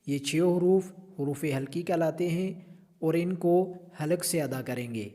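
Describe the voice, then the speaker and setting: A man's voice: a little high, warm tone. A male Quran teacher with an Urdu accent, drawing out chanted syllables between short explanations of pronunciation. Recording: long hall reverb.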